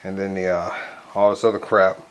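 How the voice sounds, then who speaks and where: A man talking casually and haltingly in a home product review, with a stuffy nose as if packed with gauze. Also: sits low, level tone. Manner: loose, colloquial, halting with frequent verbal tics. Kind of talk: casual rambling video review. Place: bedroom at home. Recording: noisy home recording, clear background noise.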